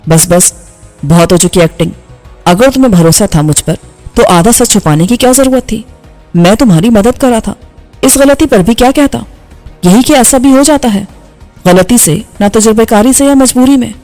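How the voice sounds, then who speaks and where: A woman's voice: on the high side, warm tone, faint music behind, natural voice. Woman voicing an angry young male engineer. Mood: bitter. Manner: harsh, scolding delivery. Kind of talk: audiobook dialogue reading.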